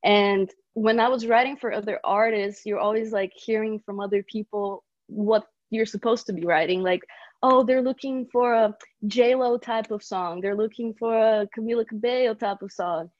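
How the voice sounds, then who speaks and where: A woman's voice: mid-range voice, moderate pace, no room sound, lo-fi sound. A young woman who grew up in Brazil, a singer-songwriter guest chatting casually on a podcast and laughing often. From Bulgaria, raised in Brazil.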